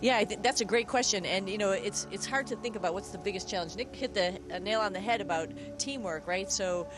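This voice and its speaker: A woman astronaut with a mid-pitched voice answers a question informally. She is reflective and conversational. Music is clearly audible behind her. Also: fairly quick.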